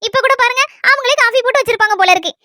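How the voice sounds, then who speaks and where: A woman doing a chatty young granddaughter, very high. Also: rapid-fire, background noise. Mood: reassuring. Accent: Kanyakumari Tamil. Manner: chatty, reassuring. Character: cheerful young married granddaughter. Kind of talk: cartoon voice acting.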